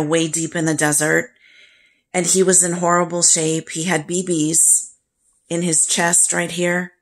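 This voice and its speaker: Slow, gravelly-voiced grieving woman. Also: fairly low pitch, a bit bright. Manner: slow, halting and grief-stricken. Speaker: vlogger. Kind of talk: personal storytelling to camera.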